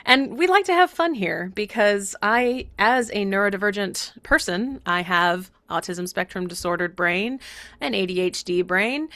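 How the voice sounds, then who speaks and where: A woman podcast host from Virginia talks casually and at length. She rambles and laughs often, at a mid pitch. The sound is dry, with no room echo. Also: lively intonation, measured pace, sharp tone.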